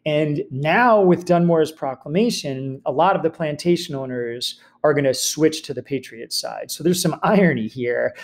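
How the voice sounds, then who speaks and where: A man's voice: fairly high pitch, moderate pace, few pauses. A man teaching a recorded history lesson over slides in a conversational, emphatic way, asking rhetorical questions. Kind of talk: recorded classroom lecture.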